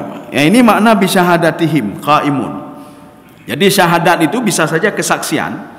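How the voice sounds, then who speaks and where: A man preaching a sermon, animatedly addressing the congregation as sir and miss. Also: high-pitched. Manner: addresses the congregation as Pak and Mbak, loud and animated. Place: mosque gathering. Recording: echoey reverberant hall.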